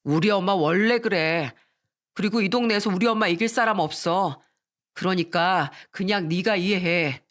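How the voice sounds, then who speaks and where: An indifferent young husband, as a woman storyteller puts him on, speaking slowly in a lower, offhand tone. Spoken for a radio-style story reading. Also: lightly acted. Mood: dismissive. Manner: offhand, flat.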